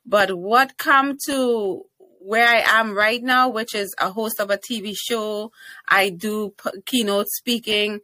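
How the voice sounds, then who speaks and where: The speaker is a young woman from Trinidad and Tobago, a TV host and speaker appearing as a podcast guest, who is confident, playful, and laughs a lot in relaxed interview talk. With a Trinidadian accent, her medium-pitched voice is slow, steady, and sharp, with no room sound.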